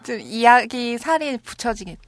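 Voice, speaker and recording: A woman's voice: fairly high pitch, expressive, a little slow, no echo. A woman co-hosting a casual talk show, reacting with brief interjections. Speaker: co-host. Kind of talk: casual chat.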